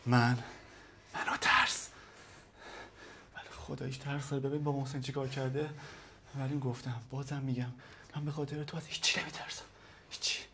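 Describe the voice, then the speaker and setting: Brief: nervous comedy boyfriend, low half-whisper, bright tone, faint noise behind. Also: male voice, flat delivery, pauses often. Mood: hushed. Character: timid young boyfriend boasting of courage.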